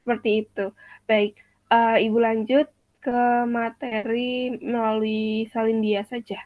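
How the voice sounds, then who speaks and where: A young woman with a high voice teaches a class over a video call, laying out each point step by step and putting questions to her students. Her voice comes through tinny and dry, like a phone line. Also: level tone, a little slow, no room sound. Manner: explains step by step, quizzes the class. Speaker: teacher in a practice lesson.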